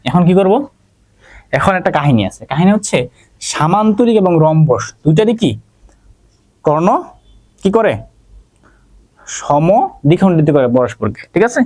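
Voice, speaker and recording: Running an online geometry lesson, this male math teacher speaks with a Bangladeshi Bengali accent and checks on students by name. The recording is dry, and his fairly high, darkish voice is animated, at a moderate pace with long pauses. "ঠিক আছে?" comes up constantly, and he answers his own questions.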